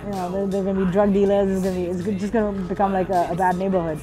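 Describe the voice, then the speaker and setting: She's a Swiss-raised graffiti artist in her 30s, talking rapid-fire in a medium-pitched, level voice during a documentary interview, reflective and pausing to restart small phrases. The low-quality recording has hip-hop music running under it.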